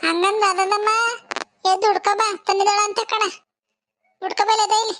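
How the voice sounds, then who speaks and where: A woman voicing an insistent village relative woman in a cartoon, hushing the widow in rural Malnad Kannada. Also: very high-pitched, level tone, normal speed, a little hiss or hum, pitched above the performer's own voice.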